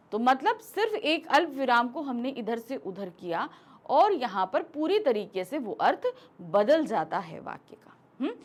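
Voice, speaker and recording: A woman's voice: high-pitched, fairly bright tone. A woman teacher explaining a grammar lesson step by step, acting out example sentences as she goes.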